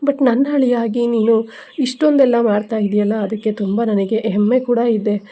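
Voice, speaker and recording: A woman's voice: a little high, steady tone, moderate pace, dark tone, close to an everyday voice. A woman voicing a tired, grateful older father who speaks fondly and from the heart. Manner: heartfelt, fond.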